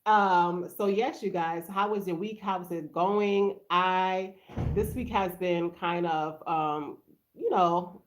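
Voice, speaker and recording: A woman's voice: fairly low pitch, steady tone, takes it slowly. A woman from Haiti hosting a casual live stream, greeting viewers and answering their comments aloud in a chatty way. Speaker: livestream host.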